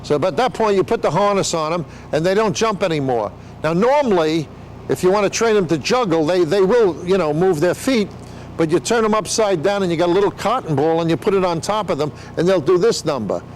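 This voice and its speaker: A man's voice: high-pitched, lively intonation, brisk, slight background noise, low-quality recording. An older man explaining things in a casual interview, with rambling showman patter and joking asides. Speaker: veteran sideshow talker explaining flea circus.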